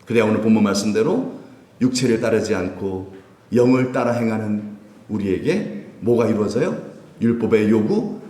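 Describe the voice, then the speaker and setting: A man's voice: mid-range voice, roomy sound. A male pastor preaching a Sunday sermon, asking the congregation questions and answering them himself. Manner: animated preaching with call-and-response questions to the congregation. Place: church sanctuary.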